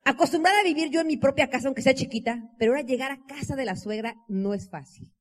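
A Mexican woman with a Mexican accent, telling her life story to an audience in an animated way, acting out dialogue and often saying "o sea". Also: sits high, fast. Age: 20s. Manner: expressive, acts out dialogue, laughs, uses "o sea" and "¿no?" a lot.

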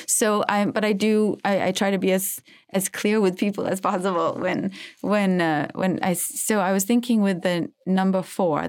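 Chatty woman from Denmark hosting. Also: on the low side. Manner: chatty and animated, acts out her own quotes with lots of laughter. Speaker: podcast host and writer. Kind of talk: casual conversational interview.

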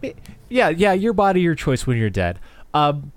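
A man's voice: on the high side, big pitch swings, moderate pace, dry recording. A man from New England hosting a podcast in casual chat, joking and swearing, with big swings in his voice. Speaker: podcast host.

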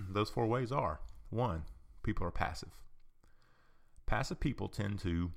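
A man giving an informal talk on personal boundaries, explaining patiently with rhetorical questions, frequent ums and an occasional cleared throat. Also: fairly low pitch, expressive, unhurried. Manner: clears his throat often.

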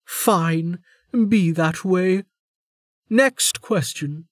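A man voicing an ancient, imperious female warden who drawls and mocks, leaning slowly on certain words in an audiobook. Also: high-pitched, dry recording, studio quality, voice pushed up. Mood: sardonic. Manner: drawling, mocking, with slowed emphatic words. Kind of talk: audiobook character voice.

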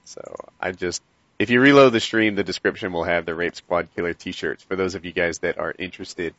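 Lowish guy hosting a stream, just chatting, dry dull audio. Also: steady tone, brisk, fairly bright tone, no echo. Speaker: host of a live prank-call stream. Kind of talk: casual chat. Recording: muffled, dull low-fidelity stream audio.

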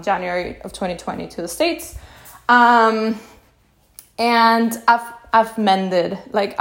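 A young woman from Peru, hosting a casual podcast monologue, candid and chatty, laughing often and saying "like" and "you know" a lot. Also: medium pitch. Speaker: podcast host.

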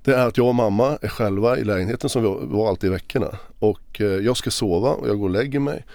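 A man speaking as a podcast guest, recounting a personal story in a halting, emotional way with many restarts. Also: lowish voice, a little mellow, no echo. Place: podcast recording session.

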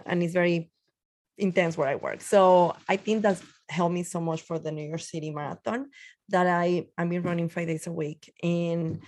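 Chatty woman in her thirties from Mexico. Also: fairly low pitch. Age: 30s. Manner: chatty, many fillers and restarts. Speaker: guest marathon runner. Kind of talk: casual podcast interview.

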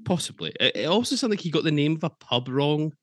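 A man hosting a casual football podcast, chatty and quick to swear, laughing between points. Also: on the high side, sing-song, no room sound, soft background music. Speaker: podcast host.

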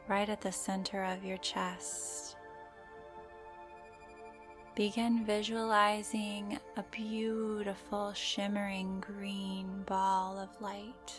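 A woman guiding a meditation in a soft, breathy, soothing voice, with gentle drawn-out phrasing and pauses. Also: mid-range voice. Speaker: meditation guide.

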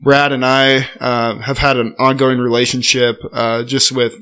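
A man's voice: medium pitch, flat delivery, unhurried, sharp tone, clean tone. A young man, a podcast guest, telling stories in casual chat, loose and full of fillers, recorded in a garage studio. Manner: loose and chatty, full of "like" and "I mean". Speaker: podcast guest, college golfer.

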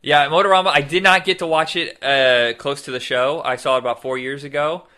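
A man's voice: a little high, fairly even intonation, a little fast, sharp tone. A man co-hosting a podcast, discussing movies in a casual, conversational style. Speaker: podcast co-host.

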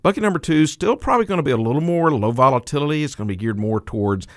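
A man's voice: mid-range voice, lively intonation, very fast, dry recording, clean studio sound. A man working as a retirement income advisor, explaining investment buckets on a financial talk show.

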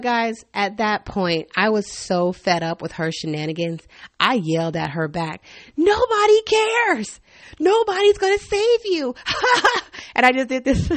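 A woman hosting her own podcast, telling candid and humorous stories about raising a toddler, animated and quick to laugh. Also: lowish voice, dry recording. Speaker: podcast host. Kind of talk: personal storytelling monologue.

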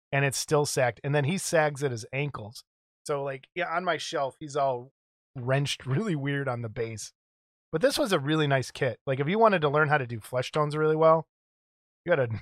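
A man's voice: on the high side, a bit bright, no echo, studio quality. A middle-aged man co-hosting a casual show-and-tell about model kits, rambling and chuckling as he goes. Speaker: co-host of a model kit show.

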